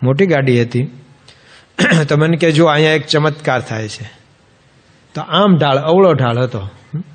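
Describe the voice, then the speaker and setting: A man's voice: a little high, measured pace. Joking Gujarati man giving a sermon. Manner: storytelling, quoting others, animated and joking. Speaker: swami giving a discourse. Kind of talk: humorous sermon with anecdotes.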